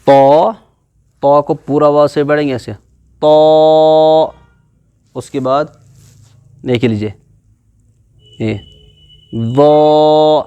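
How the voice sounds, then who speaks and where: A man's voice: medium pitch, fairly even intonation, long pauses, dry recording, dull audio. A man with a Pakistani Urdu accent teaching a classroom video lesson on the Quran, patiently explaining letter by letter and drawing out sounds to demonstrate them.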